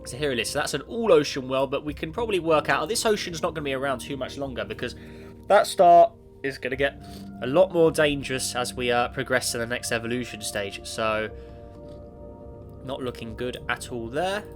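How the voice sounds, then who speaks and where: Here a man with a cold provides casual gameplay commentary for his YouTube channel as he plays a space sim. He speaks fairly quickly in a mid-range voice, sniffling, rambling, self-correcting and answering the game itself, over clear background music.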